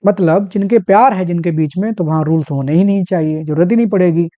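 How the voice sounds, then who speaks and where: A literature teacher with a mellow, soft-edged voice works through a poem line by line. Each English verse line is read out slowly and deliberately before being explained in Hindi sprinkled with English. The recording sounds dull and muffled, with a dry, close sound. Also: mid-range voice, no room sound.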